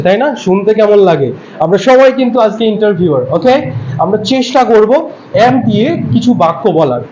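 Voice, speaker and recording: A man in his twenties teaching an English class, coaxing students in Bengali and English. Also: noisy background. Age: 20s. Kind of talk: classroom lesson. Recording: dull low-fi room audio.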